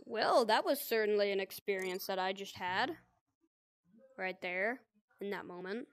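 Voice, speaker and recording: A woman's voice: mid-range voice, a little slow. A woman doing casual let's-play commentary as a scared horror game streamer, jumpy, exclaiming and playfully indignant. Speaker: gaming video creator playing a horror game.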